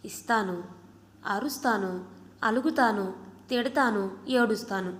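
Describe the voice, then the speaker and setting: A woman reading the part of a calm middle-aged wife who reasons through her options in a measured way. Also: medium pitch, lightly acted. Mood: resigned. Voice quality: measured, reflective. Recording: long reverb.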